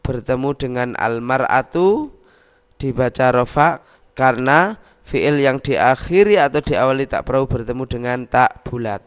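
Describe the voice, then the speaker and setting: A man's voice: medium pitch, lively intonation, unhurried, clear, resonant tone, big-room sound. A man narrating a scripted grammar lesson as a teacher, over-enunciating carefully word by word. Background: faint music.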